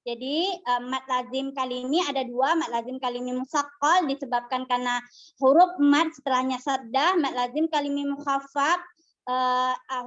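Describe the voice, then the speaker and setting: A woman student presenting a lesson summary, halting and pausing to recall the terms. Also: high voice, lo-fi sound.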